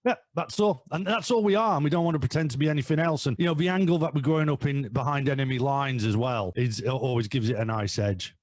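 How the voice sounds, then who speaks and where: A man's voice: mid-range voice, quick pace, few pauses, dry recording, clean studio sound. Enthusiastic father rambling about his podcast. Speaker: podcast guest, father and co-host of a fan podcast. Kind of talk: casual chat.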